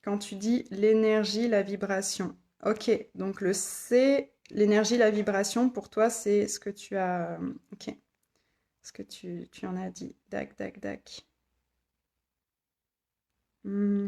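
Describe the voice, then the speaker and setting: A woman's voice: mid-range voice, steady tone, a little slow, dark tone. A woman hosting a casual live stream from her home office, reading viewer comments aloud, repeating them and laughing often. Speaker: live stream host, human design guide. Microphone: phone or laptop mic.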